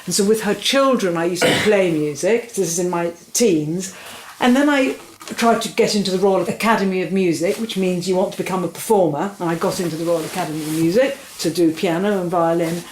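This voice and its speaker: A woman in her sixties, an interview guest, telling long stories in animated, rambling fashion with many restarts. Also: on the low side, brisk. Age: 60s. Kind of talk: casual conversational interview. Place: room in a house. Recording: roomy, faint ambient noise.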